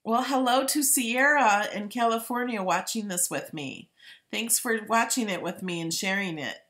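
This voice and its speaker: A woman's voice: mid-range voice, moderate pace, fairly bright tone. A woman hosting a live stream, talking casually and thinking aloud as she replies to viewers. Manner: chatty, informal, thinking aloud.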